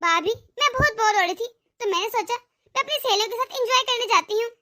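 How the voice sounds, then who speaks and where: A spoiled young daughter of the house in a cartoon, voiced by a woman, whining and protesting in a very high, bright voice. She refuses chores with an indignant, put-upon tone. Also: fast. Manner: whiny, protesting.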